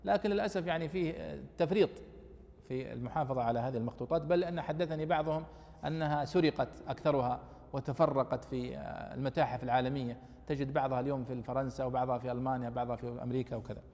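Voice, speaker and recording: A man's voice: mid-range voice, fairly even intonation, rapid-fire, a little mellow, long reverb tail. A man teaching a lesson on Quran commentary, explaining the text and raising his voice with emphasis on quoted verses.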